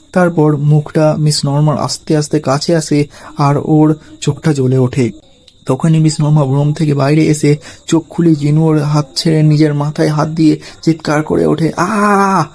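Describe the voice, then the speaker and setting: A man narrating a comic-story recap in a flat, even read-aloud delivery. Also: fairly high pitch, normal speed.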